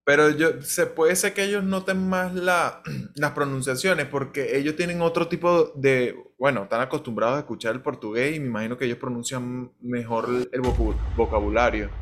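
A man's voice: medium pitch, fairly even intonation, normal speed, a bit bright. A man hosting a podcast in casual conversation, who answers with short agreeing remarks and laughs easily. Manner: brief agreeing interjections, easy laughter. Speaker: podcast host.

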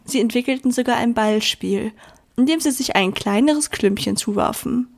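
Female storyteller, gentle bedtime reading, speaks to the listener, slightly high voice. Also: moderate pace, creaky.

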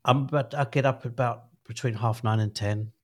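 A man's voice: mid-range voice, steady tone. A middle-aged man co-hosting a podcast in casual chat, jokey and playful. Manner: jokey, playful, quick to laugh. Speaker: podcast co-host.

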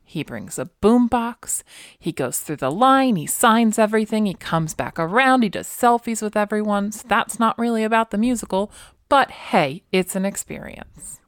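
A woman's voice: medium pitch, expressive, normal speed, no echo, clean studio sound. A woman co-hosting a podcast, chatting casually with playful, enthusiastic asides. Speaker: podcast co-host. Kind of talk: casual chat.

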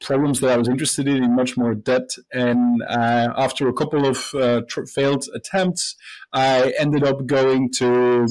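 In a relaxed, storytelling way, a Belgian man in his thirties who is a professor and company co-founder answers interview questions, with fillers and restarts. His voice is medium in pitch and a little slow. The recording quality is low.

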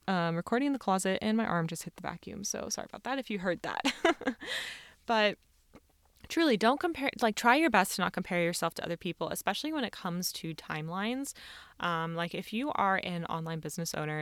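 A woman's voice: lowish voice, fairly bright tone, clean tone, no room sound, clean studio sound. A woman giving informal motivational advice as a podcast host, talking in a conversational, emphatic way with plenty of "like" and "really", recorded in a small closet.

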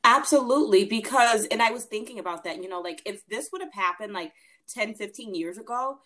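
A woman's voice: medium pitch, brisk, a bit bright. A woman hosting a casual interview in an informal, chatty, conversational way. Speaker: interviewer, host.

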